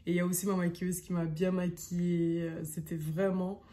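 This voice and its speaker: A woman's voice: on the low side, level tone, fairly quick. Bubbly young woman vlogging to camera. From French Guiana. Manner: bubbly, enthusiastic, warm fillers. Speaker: actress vlogger. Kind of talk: casual vlog to camera. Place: indoor apartment room.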